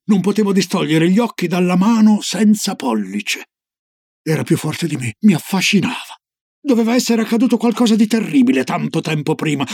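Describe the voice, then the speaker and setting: A man narrating an audiobook in a measured storytelling voice. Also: fairly high pitch, darkish tone, slightly rough, no room sound, clean studio sound. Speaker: audiobook reader. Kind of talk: scripted narration.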